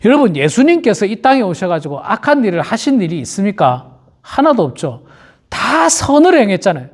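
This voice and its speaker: A man's voice: sits high, big pitch swings, fairly quick. A male pastor preaching at an early-morning prayer service, repeating his key phrases and speaking straight to the congregation. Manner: acts out quoted churchgoers in little voices.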